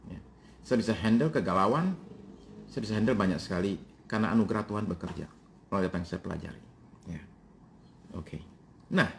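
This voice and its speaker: A man in his fifties, a pastor preaching a sermon, speaking directly to his congregation with frequent pauses and fillers, answering his own questions. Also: on the low side, slight background noise. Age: 50s. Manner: addresses congregation directly, asks and answers himself.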